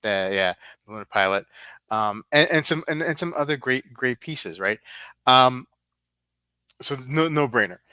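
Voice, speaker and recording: A man's voice: medium pitch, expressive, a little slow, long pauses, sharp tone, clean tone, no room sound. A man in his fifties co-hosting a casual livestream chat, talking loosely with plenty of fillers and tag questions. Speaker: livestream co-host.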